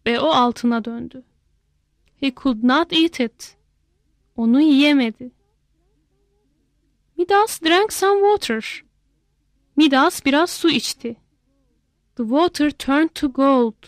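A woman's voice: high voice, a little slow, pauses often, no echo, studio quality. A woman reading a simple story aloud in short, plain sentences, each one followed by its translation. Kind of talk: bilingual read-aloud story, each line then its translation.

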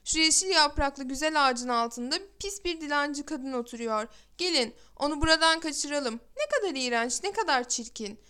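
A woman's voice: high voice, animated, normal speed, few pauses, sharp tone. A woman voicing a sneering, scornful boy. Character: proud cruel young boy, star child.

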